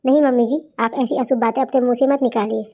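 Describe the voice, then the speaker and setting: A woman's voice: on the high side, steady tone, quick pace, warm tone. A woman voicing a frustrated, overworked young daughter-in-law in a cartoon, speaking in a complaining, plaintive way. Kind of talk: cartoon voice acting.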